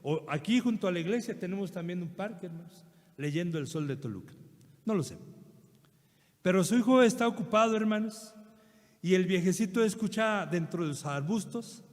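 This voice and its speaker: A man's voice: sits high, expressive, moderate pace. A middle-aged man with a Mexican accent preaching a sermon earnestly, often addressing his brothers. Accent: Mexican Spanish. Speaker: pastor. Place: church hall. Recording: long church reverb.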